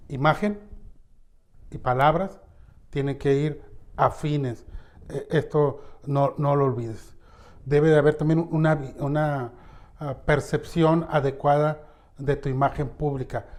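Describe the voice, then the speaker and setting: A man teaching a lesson on public speaking, addressing the listener directly and shifting his loudness for emphasis. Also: a little high.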